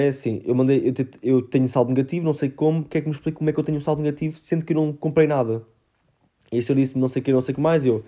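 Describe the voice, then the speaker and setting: A 19-year-old vlogger with a European Portuguese accent tells a story in a casual vlog, acting out phone calls along the way. His voice is medium in pitch and warm.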